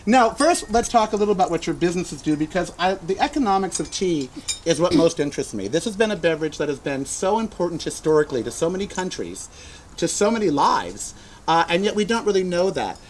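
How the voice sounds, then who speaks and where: An older male host with a campy, joking way of chatting. His pitch swings widely and lively as he teases his guests. The talk is casual and unscripted. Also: fairly quick, slight background noise, poor audio. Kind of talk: casual talk show chat.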